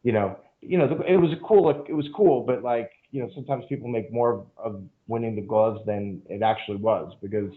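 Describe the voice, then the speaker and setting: Speaking a little fast with few pauses, this man has a lowish voice and rambles through long stories as a podcast guest. The jiu-jitsu instructor swears and uses fillers constantly in this casual interview, captured in narrow-band, phone-like audio.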